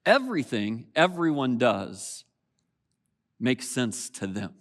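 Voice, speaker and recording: A man preaching a sermon as pastor, conversational and animated, acting out little quotes from everyday people. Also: medium pitch, slow. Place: church auditorium.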